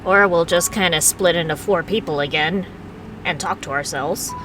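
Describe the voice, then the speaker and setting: A woman giving casual, expressive gameplay commentary, playfully talking back to the game. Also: fairly low pitch, normal speed, far from the mic, music in the background, poor audio. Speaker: gamer reacting while playing.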